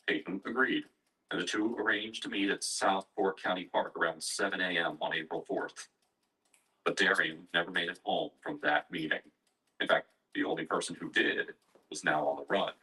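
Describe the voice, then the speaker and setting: A man reading a scripted true-crime narration in a measured, grave way. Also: low-pitched, sharp tone. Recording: distant, heard from afar.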